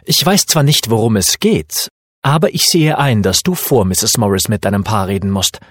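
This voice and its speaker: A man's voice: lowish voice, moderate pace, no room sound, clean studio sound, lightly acted. A man voicing a friendly adult woman who works as a doctor's receptionist, in a raised, kindly, conspiratorial voice, in an audiobook. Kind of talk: audiobook character voice.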